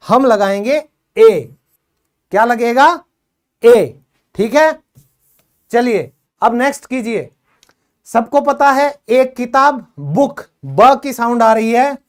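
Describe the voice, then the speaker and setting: A woman teaching English in a video lesson, quizzing her learners and urging quick answers, repeating each word slowly for drill. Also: a little high. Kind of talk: classroom-style video lesson.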